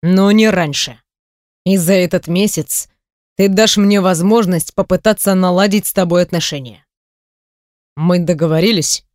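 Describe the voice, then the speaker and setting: A woman's voice: fairly low pitch, moderate pace, a little mellow, no room sound, studio quality, close to an everyday voice. A woman voicing a brooding possessive young man. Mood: pleading. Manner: earnest, insistent.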